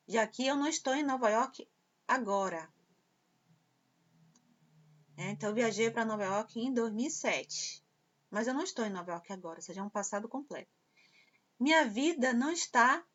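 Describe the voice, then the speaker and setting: A woman teacher explaining English grammar slowly and patiently. She repeats example phrases and translates them. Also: a little high, expressive. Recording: dull lo-fi sound.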